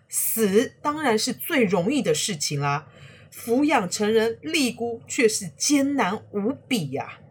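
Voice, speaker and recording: A woman reading a resolute young man in a storybook, earnest and pleading, lively lilt. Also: fairly high pitch, a little slow, husky, pitched above the performer's own voice, heavily acted. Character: young male retainer, torn and resolute.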